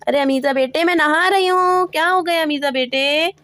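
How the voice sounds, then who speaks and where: Soft motherly voice from a woman, bright, dry, doll-play story. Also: sits high, moderate pace, no room sound. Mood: calm. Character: gentle busy mother of a little girl.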